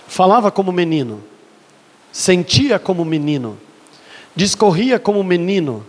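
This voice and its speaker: A man preaching in a church with a high, somewhat husky voice. His delivery builds from quiet storytelling into fervent emphasis, and the voice rings out with a long reverb through the hall. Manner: preaching with rising intensity, varied pitch. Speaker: pastor. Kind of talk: sermon.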